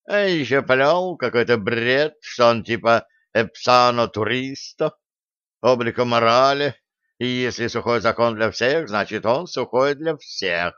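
A man's voice: medium pitch, animated, unhurried, fairly bright tone, smooth, no echo, muffled recording. A man playing a gleeful, gossipy gnome hologram girl. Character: cheeky female gnome hologram, ship's program.

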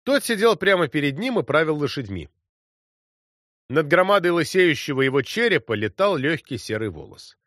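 A man reading a literary story as an audiobook, in an expressive narrating voice. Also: fairly high pitch, moderate pace, dry recording, clean studio sound.

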